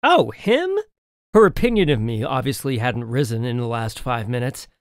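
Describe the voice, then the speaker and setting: A man's voice: medium pitch, lively intonation, a little fast, smooth, dry recording, studio quality. A man reading a children's novel aloud as an audiobook in the first person, telling the story expressively. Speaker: audiobook narrator.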